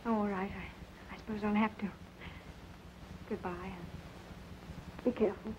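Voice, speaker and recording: An actress playing a spirited, teasing young fiancée in a 1930s film. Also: female voice, medium pitch, fairly even intonation, measured pace, close to an everyday voice. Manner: teasing, determined. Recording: dull old film soundtrack with hiss.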